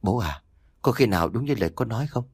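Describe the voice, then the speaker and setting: A man's voice: on the low side, lively intonation, fast, breathy edge, no echo, studio quality. A man voicing a frightened young daughter who pleads with her father about a haunted house. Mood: fearful. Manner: pleading, insistent.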